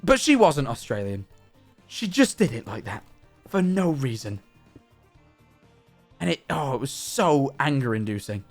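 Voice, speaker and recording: A young man streaming live, chatting in a rambling, animated, self-mocking way. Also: medium pitch, measured pace, pauses often, soft background music. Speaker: livestreamer. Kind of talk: casual stream chat.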